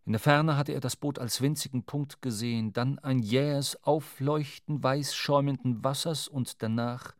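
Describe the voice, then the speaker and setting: A man as a measured sailor-narrator. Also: medium pitch, steady tone, no room sound, studio quality, natural voice. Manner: measured storytelling. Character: young sailor recounting a whaling voyage. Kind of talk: scripted audiobook narration.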